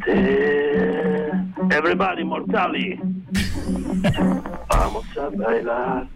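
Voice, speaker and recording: A man's voice: fairly high pitch, drawn-out words, gravelly, loud music behind the voice. A man calling in, pompous and grandiose, crooning dramatically with a cathedral-like reverb around his voice. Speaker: caller. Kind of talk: dramatic crooning of a pop song.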